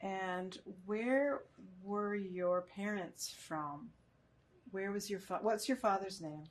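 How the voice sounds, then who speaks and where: A woman conducting an oral history interview, opening formally and asking measured questions. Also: medium pitch.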